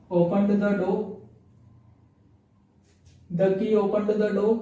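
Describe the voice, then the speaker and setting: Echoey teacher, high and flat. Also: male voice. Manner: reads English rules slowly, then explains them in Hindi with question-and-answer prompts. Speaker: English teacher. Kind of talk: grammar lesson explaining examples on screen. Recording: very echoey room, voice from a distance.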